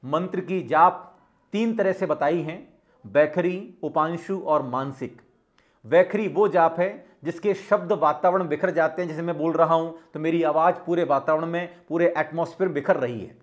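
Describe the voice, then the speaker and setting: A man giving a spiritual teaching talk, measured and instructive, repeating his key points. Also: fairly high pitch.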